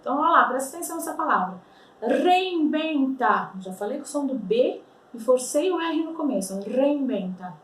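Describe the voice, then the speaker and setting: A woman teaching a language lesson. She explains patiently, repeats words slowly to show their pronunciation, and keeps checking with "tá?" and "vale?". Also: high voice, animated, fairly bright tone. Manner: ends phrases with checking tags like "tá?" and "vale?". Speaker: Spanish teacher. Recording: roomy, slightly distant mic.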